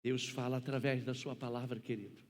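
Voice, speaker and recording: A man preaching a sermon as pastor, with slow, emphatic pauses that build to loud, ringing passages. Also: medium pitch, level tone. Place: church sanctuary. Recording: church hall reverb.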